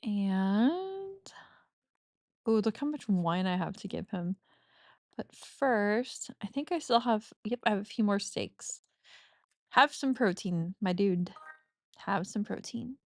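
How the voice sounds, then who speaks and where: This gaming streamer's medium-pitched voice is expressive, slow and a little mellow, captured as clean studio sound with no room sound. She chats casually over a cozy farming game in a let's-play, giggly and self-mocking, with a slightly stuffy nose.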